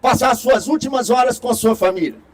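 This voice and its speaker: A grave royal physician, played by a man speaks solemnly and matter-of-factly in a storybook parable. The voice is very high. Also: quick pace, soft background music. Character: grave royal physician delivering bad news.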